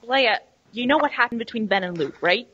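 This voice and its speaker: A woman's voice: fairly high pitch, expressive, fairly quick, a bit bright, no room sound, muffled recording. A woman asking questions in a casual comic mock interview, wry and a little exasperated. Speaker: panel interviewer.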